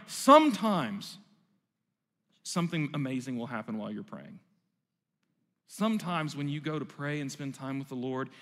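A man's voice: a little high, fairly bright tone, long reverb tail. A male pastor giving a sermon in a church, conversational and self-deprecating. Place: church sanctuary.

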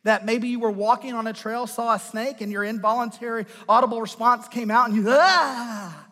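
A male pastor preaching a sermon, swinging between loud emphatic lines and hushed low ones, and putting direct questions to the listeners. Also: little pitch movement, fairly quick, big-room sound.

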